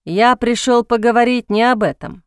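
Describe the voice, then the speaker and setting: Earnest young man voiced by a woman reader, clipped delivery, smooth voice, dry close audiobook recording. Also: medium pitch, animated, measured pace, no echo, lightly acted. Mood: cold, curt. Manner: curt, clipped.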